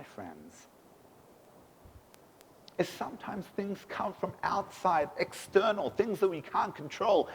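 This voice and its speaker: Male rabbi, emphatic sermon delivery, high-pitched with a slightly raspy voice, long hall reverb. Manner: animated, emphatic preaching with rhetorical questions. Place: synagogue sanctuary. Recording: echoey synagogue hall.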